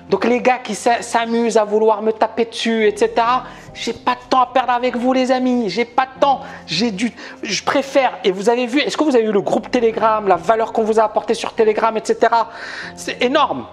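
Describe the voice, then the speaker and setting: Male trading educator on a live stream, animated, emphatic, keeps asking the audience questions, faint music underneath. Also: high-pitched. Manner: talks to viewers, asks many questions. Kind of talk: live-stream market analysis.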